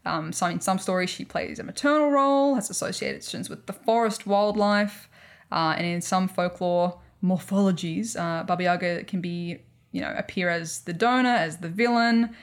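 Gravelly-voiced Australian woman, chatty podcast co-host. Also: lowish voice, normal speed. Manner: chatty, rambling, laughs often. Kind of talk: casual explanatory chat.

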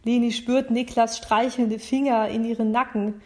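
A woman's voice: on the high side, normal speed. Woman reading a novel aloud. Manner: steady reading with retakes. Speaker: narrator.

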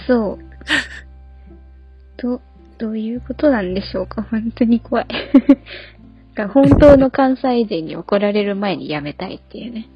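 A woman's voice: fairly high pitch, expressive, a little slow, pauses often, breathy edge, dull audio, faint music behind. A young adult woman co-hosting a podcast in casual chat, chatty and self-mocking with frequent giggles. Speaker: podcast co-host.

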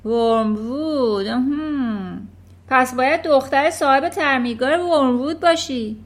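A booming, blustering headmistress bellows insults at a pupil, as a woman storyteller puts her on. The voice is pushed high and very loud, and it stays harsh and scornful. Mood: furious. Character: bullying, furious giant female headmistress.

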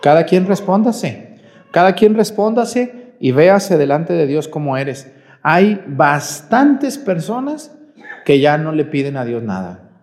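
Folksy priest preaching. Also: male voice, a little high, big pitch swings, slow, a little mellow. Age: 40s. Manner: questioning the congregation directly, folksy. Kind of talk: sermon at Mass.

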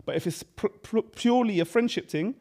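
A man's voice: high-pitched, a little fast, darkish tone. A man with a London accent and urban roadman slang delivery, debating casually as a podcast panellist.

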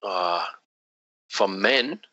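A man in a casual chat among friends, quick to disbelieve and scoff. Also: deep voice, sharp tone, dry recording, lo-fi sound. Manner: quick to disbelieve, says nah and no way.

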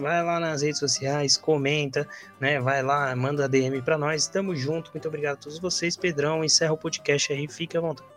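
A Brazilian man with a slightly high voice hosts a football podcast. He talks informally and in slang, often seeking agreement, with light music behind him. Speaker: podcast host. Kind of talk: casual football chat.

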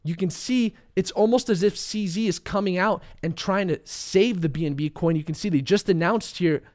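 A young man, slightly hoarse and under the weather, confidently talks viewers through market charts in casual commentary. His voice sits high with a darkish tone and moves at a moderate pace.

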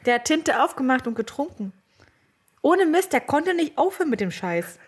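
Chatty, animated woman co-host. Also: sits high, moderate pace. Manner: chatty, laughs easily, tells stories animatedly. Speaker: podcast co-host. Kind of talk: casual chat.

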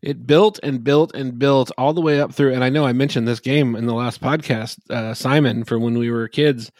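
A man's voice: mid-range voice, fairly even intonation, normal speed, darkish tone, dry recording, studio quality. Wry man telling a story in chat. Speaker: podcast co-host. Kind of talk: casual chat.

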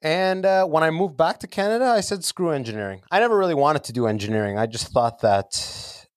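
A man's voice: on the high side, expressive, brisk, no room sound, clean studio sound. A man from Sudan in his thirties, a comedian guest chatting casually on a podcast from his basement, joking and laughing between lines. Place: home basement.

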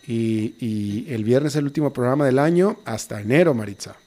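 A man's voice: medium pitch, moderate pace, mellow. Mexican man hosting a chatty radio show. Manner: storytelling, repeats "definitivamente". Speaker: radio host. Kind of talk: casual chat.

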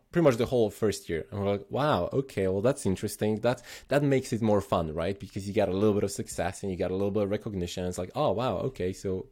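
A man's voice: on the low side, mellow. A man from Slovenia talking casually on a podcast, thoughtful, often restarting his sentences. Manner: thoughtful, many restarts and self-corrections. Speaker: podcast host.

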